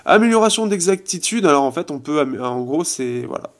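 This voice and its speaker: Animated and fairly quick, a tech reviewer with a fairly high voice gives a laid-back phone review in his resonant apartment. Fillers crowd his chatty delivery, and he trails off as he tests the features.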